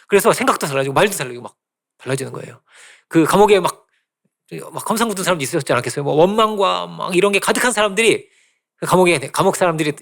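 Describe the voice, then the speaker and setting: A middle-aged man preaching a sermon as pastor, animated, often checking in with the congregation and acting out quoted voices. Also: fairly high pitch, gravelly. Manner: animated preaching with frequent tag questions to the congregation. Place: church sanctuary.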